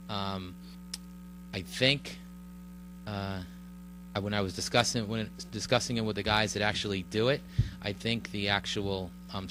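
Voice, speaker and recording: A steady electrical hum runs plainly beneath this low-pitched man as he presents a road project to a public meeting. He is a village official speaking in the board meeting room, and his delivery stalls, fills with fillers, and doubles back to restart sentences.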